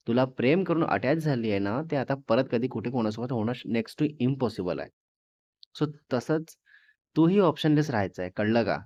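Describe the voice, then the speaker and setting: A man's voice: mid-range voice, a little mellow, natural voice. A man voicing a fiery, teasing young wife, who scolds and bosses her husband. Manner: scolding, bossy. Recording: dull dry lo-fi recording.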